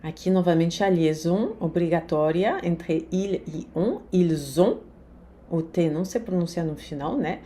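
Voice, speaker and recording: A woman teaching a lesson, giving slow, carefully articulated pronunciation drills. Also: fairly low pitch, dark tone. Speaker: French teacher. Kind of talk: language lesson.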